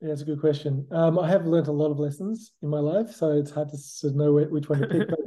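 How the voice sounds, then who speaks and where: Here a middle-aged Australian guest talks fast in a fairly high, dark-toned voice with fairly even intonation. Reflecting conversationally on the interview questions, he leans on "look" and "you know" a lot.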